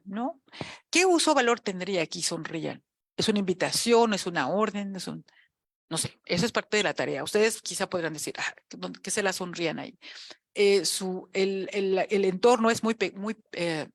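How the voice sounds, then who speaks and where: A woman's voice: medium pitch, no echo. Chatty Mexican woman lecturing. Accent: Mexican Spanish. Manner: chatty, frequent tag questions. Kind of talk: academic lecture. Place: university auditorium.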